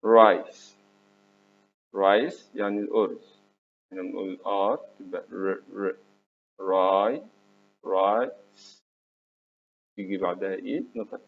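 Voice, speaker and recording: A man's voice: sits low, fairly even intonation, normal speed. A man with an Egyptian Arabic accent, teaching English words to children, saying each word for them to repeat and praising them. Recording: tinny phone-like recording with faint hum.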